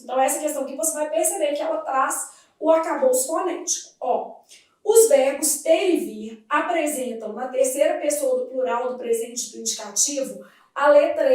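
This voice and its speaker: A woman teaching a grammar lesson, explaining each point step by step and asking the class quick questions. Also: sits high, darkish tone. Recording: echoey room, far from the mic.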